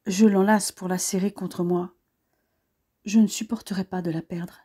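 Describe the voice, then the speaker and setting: A woman reading a romance novel aloud in first person, calm and intimate. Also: mid-range voice, moderate pace, slightly rough. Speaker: audiobook reader.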